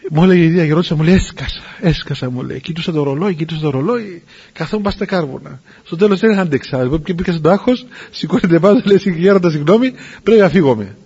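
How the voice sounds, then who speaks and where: A man telling a religious anecdote on radio in a lively, conversational way, speaking to his listeners directly. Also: a little high, breathy edge, highs cut off. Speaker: storyteller.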